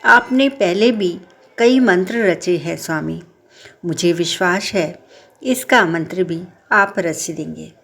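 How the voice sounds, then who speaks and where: A woman's voice: on the low side, slow, creaky, fairly bright tone, full character voice. A woman voicing the devoted wife of a sage, speaking respectfully and trustingly.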